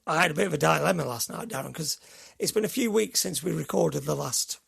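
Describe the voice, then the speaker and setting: A man's voice: on the high side, lively intonation, fairly quick, creaky, a bit bright, slightly rough. A middle-aged man co-hosting a podcast, telling rambling stories in casual chat. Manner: chatty, rambling storyteller. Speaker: podcast co-host.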